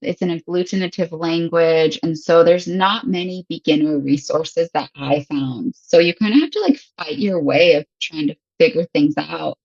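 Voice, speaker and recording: In a casual chat, an American woman from Michigan in her thirties, working as an English teacher, appears as a guest and laughs a lot. Her voice sits low with a darkish tone, moving at a moderate pace with few pauses. The recording is dry and dull.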